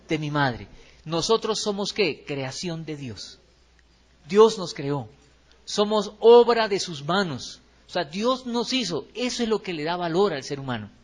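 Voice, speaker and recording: A man with a Colombian accent preaching a lively sermon in a church hall, acting out quotes and tossing rhetorical questions to the congregation. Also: high-pitched. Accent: Colombian Spanish. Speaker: pastor.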